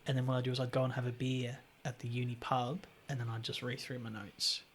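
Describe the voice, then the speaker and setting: A man, a podcast guest telling stories in a blunt, sweary and animated way. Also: medium pitch, quick pace, a little hiss or hum. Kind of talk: casual chat.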